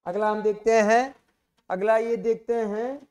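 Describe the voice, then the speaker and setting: A male Hindi teacher giving an exam-prep lesson on poetry, calling his students dear children and asking them questions that he answers himself. He reads the verse lines slowly, stressing each word. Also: sits high, fairly even intonation, a little mellow, smooth.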